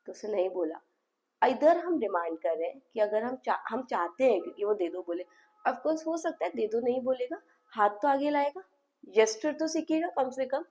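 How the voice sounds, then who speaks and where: A woman's voice: on the high side, animated, moderate pace, a little mellow. A woman speech therapist explaining therapy to parents, mixing phrases into her talk and acting out the dialogue of a session.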